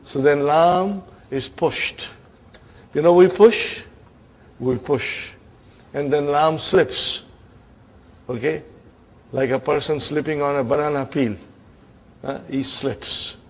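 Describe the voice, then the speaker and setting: Man, Arabic grammar teacher, classroom lesson, engaging check-in questions, slightly high voice, slow pace. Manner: engaging, frequent "huh?" check-ins; addresses class as brothers and sisters.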